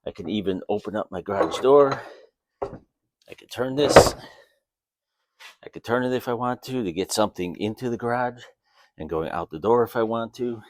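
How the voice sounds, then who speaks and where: A man with a low voice talks casually in his garage workshop. He explains things in a plain, informal way as he works, and the sound is dry with little room echo. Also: fairly quick. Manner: plainspoken, informal, talking while working. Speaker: DIY video host.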